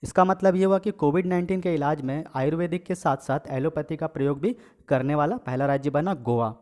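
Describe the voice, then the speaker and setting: Higher-pitched male tutor quizzing viewers. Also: fairly quick, warm tone. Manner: reads questions and options aloud, then gives the answer; repeats each question and adds filler checks like "okay". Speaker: exam coaching teacher. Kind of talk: casual quiz lesson.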